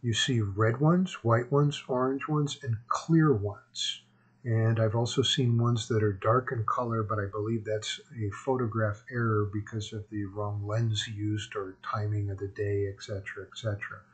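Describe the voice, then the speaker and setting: Unhurried and fairly even in intonation, a man with a lowish, breathy-edged voice narrates a self-made explainer video. He's the series host, rambling informally and partly reading aloud, with speech slurred by missing teeth.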